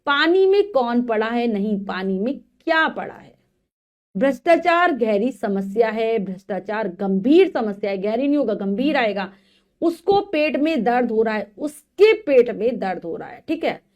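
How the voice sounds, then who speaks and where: A woman's voice: fairly high pitch, sing-song, unhurried, darkish tone. A woman teacher giving a Hindi grammar lesson to children, patiently correcting words one by one in a Hindi accent. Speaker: school teacher.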